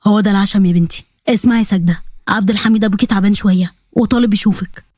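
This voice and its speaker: A woman voicing a caring middle-aged uncle with an Egyptian accent, in a soft, coaxing, fatherly way, for a narrated story. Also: medium pitch, very fast, no echo, studio quality, voice pushed down, close to an everyday voice.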